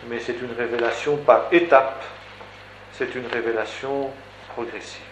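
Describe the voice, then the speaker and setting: Emphatic French-speaking male preacher, echoey room. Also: on the high side. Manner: emphatic, rhetorical, builds with repeated phrases. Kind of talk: sermon teaching. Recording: echoey room with faint background noise.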